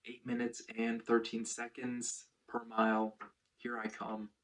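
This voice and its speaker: Male vlogger, unhurried and deliberate, fairly flat intonation, medium pitch, casual personal recap delivery. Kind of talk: casual first-person running vlog recap.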